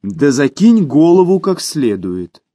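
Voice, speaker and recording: Man voicing a calm invisible storybook spirit, serious, dryly mocking, lively voice, dry close sound. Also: on the high side, slow pace, no room sound, exaggerated voice. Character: invisible male dungeon spirit, dry dark humor.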